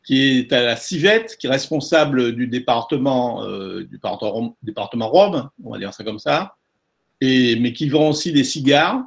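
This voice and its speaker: A man co-hosting a live online chat, halting and repeating words with many fillers. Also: mid-range voice, animated, gravelly, slightly rough. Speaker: co-host.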